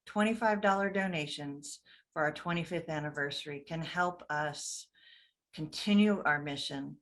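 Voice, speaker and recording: Low-voiced woman hosting an interview. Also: fairly bright tone. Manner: measured, promotional sign-off. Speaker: host. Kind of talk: interview host wrap-up.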